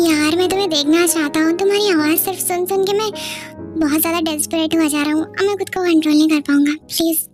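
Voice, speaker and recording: A woman's voice: very high voice, fairly even intonation, fast talker, darkish tone, faint music behind. A woman voicing a possessive, impatient young man in love, in a pushy and demanding way.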